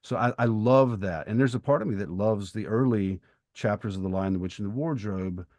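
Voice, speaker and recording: Recorded very dry with no echo, a middle-aged writer with a deep, slightly mellow voice co-hosts a literary podcast. He speaks fairly quickly and reflectively, frequently pausing to rephrase as he works out his thoughts aloud.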